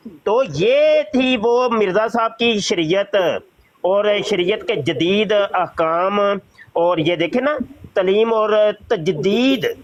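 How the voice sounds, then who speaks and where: A man, a mufti, arguing a religious point in a debate, deliberate and pressing, correcting his opponent's words. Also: high voice, dry recording. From Pakistan. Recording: dull, lo-fi sound.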